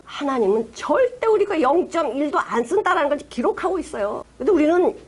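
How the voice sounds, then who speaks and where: Lady pastor preaching, pretty high pitched, tells the story animated with little voices for people. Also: brisk. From South Korea. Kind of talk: sermon.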